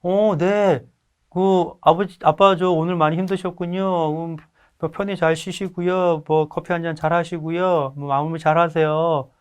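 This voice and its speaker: A man's voice: a little high, steady tone, measured pace, smooth, voice pushed up, lightly acted. A man voicing his school-age son, a cheerful, wheedling boy who calls his dad on the phone.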